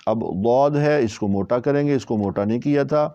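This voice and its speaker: Man, Pakistani Urdu accent, patient recitation teacher, repetitive drilled syllables, mellow tone, dull lo-fi sound. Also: mid-range voice, no echo. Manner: patient, repeats each syllable several times. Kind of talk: slow spelled-out tajweed lesson.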